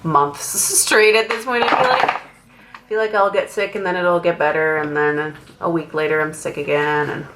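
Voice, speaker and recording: A young makeup artist with a cold, sounding nasal, rambles through casual get-ready-with-me talk at home as she applies her makeup. She speaks at a moderate pace in a fairly low voice with lively intonation. The background is noisy, and "like" fills her sentences.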